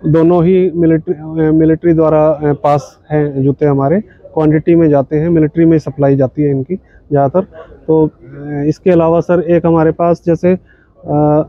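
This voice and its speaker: Higher-voiced man pitching shoes at an expo. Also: little pitch movement, moderate pace, dry recording, phone-quality sound. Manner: explains patiently with many fillers and "ji, sir". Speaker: footwear company representative. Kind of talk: product walkthrough at a trade expo stall. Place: indoor exhibition hall stall.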